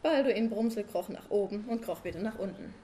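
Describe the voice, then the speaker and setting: A woman reading a humorous story aloud as narrator, calm and even. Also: mid-range voice, brisk, a little hiss or hum.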